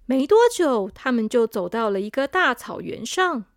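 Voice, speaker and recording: A woman storyteller reading a children's story, gentle and speaking to young listeners. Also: a little high, sing-song, normal speed, dry recording, clean studio sound.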